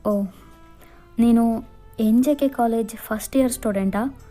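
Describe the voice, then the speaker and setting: A gruff, irritable young man laid up in a hospital bed barks orders and scolds, as a woman reader puts him on. The voice sits a little high and sounds mellow and soft-edged. Faint music plays under this storybook voice-over. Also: slow pace. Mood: gruff, bossy. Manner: snappish, scolding, demanding.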